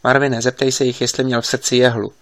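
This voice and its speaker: A man's voice: mid-range voice, little pitch movement, fairly bright tone, no echo, natural voice. A man doing an insistent, urgent investigator.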